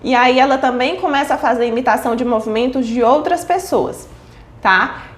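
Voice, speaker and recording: A woman's voice: high voice, moderate pace, reverberant. A woman giving an explanatory online lesson on child speech development, often checking in with her listeners as she goes. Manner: frequent checking fillers like "certo?" and "tá?".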